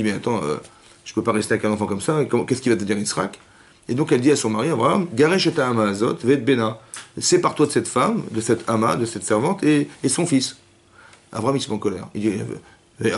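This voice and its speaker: A man teaching a lively class to young women, asking questions and acting out cries and quotes. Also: medium pitch, fast talker. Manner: animated, asks questions, acts out cries and quotes. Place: synagogue hall with young women students.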